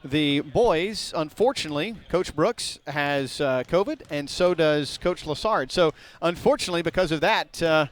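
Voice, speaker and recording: A middle-aged man, giving folksy, rambling play-by-play of a high school basketball game in a small gym. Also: expressive, moderate pace, few pauses. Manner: folksy, rambling, talks to viewers directly. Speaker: play-by-play announcer.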